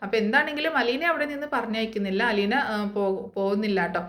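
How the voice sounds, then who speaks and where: A woman's voice: a little high, fast, fairly bright tone, roomy sound. A woman casually retelling an upcoming serial episode, acting out the dialogue with many fillers. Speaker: serial recap narrator.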